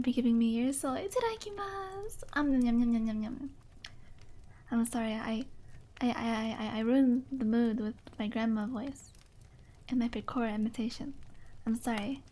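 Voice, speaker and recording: A woman with a high, light voice chats casually on a live stream. She laughs easily, answers her viewers' requests and keeps apologizing and poking fun at herself. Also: mellow. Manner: giggly, laughs often; apologetic and self-mocking.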